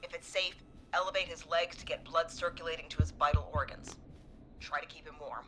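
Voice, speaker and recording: An actress voicing an overworked hospital nurse who gives hurried, hushed first aid instructions. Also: female voice, deep voice, steady tone, faint music behind. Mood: instructive. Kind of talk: video game voice acting.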